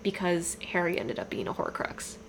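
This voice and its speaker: A woman's voice: on the low side, little pitch movement, normal speed, a little hiss or hum. A woman in casual chat, reading a list aloud and jumping into playful voices when she quotes lines.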